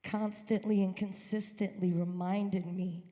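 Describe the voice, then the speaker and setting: Woman from upstate new york telling her testimony at church, mellow voice, long echo off the hall. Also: mid-range voice, level tone, unhurried. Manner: earnest, emphatic storytelling. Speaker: guest speaker at a church service. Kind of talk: personal testimony. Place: church sanctuary.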